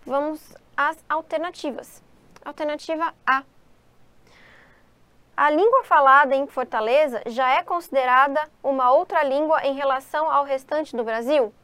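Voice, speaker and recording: In Brazilian Portuguese, a woman teacher leads students through exam questions, reading and explaining each one and asking and answering her own questions. Her voice is high and a bit bright, with no room sound.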